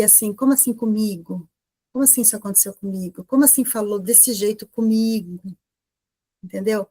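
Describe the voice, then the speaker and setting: A woman with a Brazilian Portuguese accent gives an informal talk to a women's group, asking lots of rhetorical questions and tagging her sentences with quick checks. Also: a little high, darkish tone, dry recording. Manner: conversational, full of rhetorical questions and tag questions. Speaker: guest speaker at a women's group meeting.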